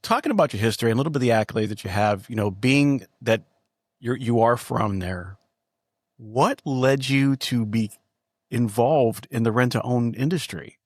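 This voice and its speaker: A man's voice: medium pitch, normal speed, dry recording, clean studio sound. A man hosting a podcast, introducing his guest in an upbeat, chatty way. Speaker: podcast host. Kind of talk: casual interview chat.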